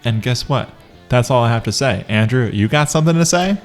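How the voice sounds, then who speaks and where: A man's voice: medium pitch, animated, a little fast, faint music behind. A man co-hosting a comedy podcast in a laid-back, jokey way, full of rambling asides. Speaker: podcast co-host. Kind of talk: casual podcast chat.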